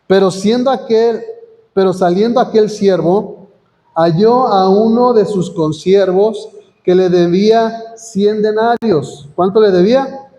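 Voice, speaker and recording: Man, pastor, sermon, high voice, warm mellow tone, reads scripture, quizzes congregation. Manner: reads scripture aloud, asks the congregation questions. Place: church hall. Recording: long church hall reverb.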